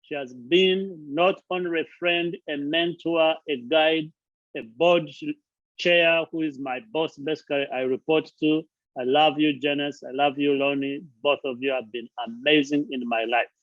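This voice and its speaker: This Ugandan man, a charity founder and channel host, speaks unhurriedly in a high-leaning voice with fairly even intonation. Indoors at a friend's house, he gives a sincere motivational talk, emphasizing ideas through lists and repetition, on dull audio with no echo.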